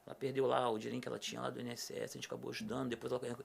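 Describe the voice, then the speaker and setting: A middle-aged man from Rio de Janeiro state, Brazil, guests on a podcast, animatedly telling a personal story in casual chat and acting out the quoted dialogue. His medium-pitched voice is husky with vocal fry, and he talks very fast.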